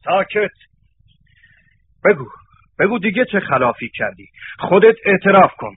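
A man's voice: high voice, sing-song, a little hiss or hum. A man playing a stern town police chief judging a case in a radio drama, commanding silence. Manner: commanding, repeating calls for silence. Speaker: judge. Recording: tinny lo-fi radio recording with music.

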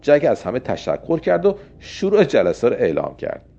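A man's voice: wildly swooping pitch, creaky, mellow. Man narrating a story, dull lo-fi sound. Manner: voices the characters with raised pitch. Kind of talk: scripted narration of a scary children's story. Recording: dull lo-fi recording.

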